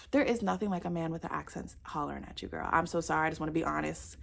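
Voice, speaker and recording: Woman, 30s, dating advice vlog, casual and sassy, slight vocal fry. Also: low-pitched, fast. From South Florida, United States. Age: millennial, 30s. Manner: chatty, sassy, calls viewers girl and babe. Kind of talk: casual direct-to-camera advice.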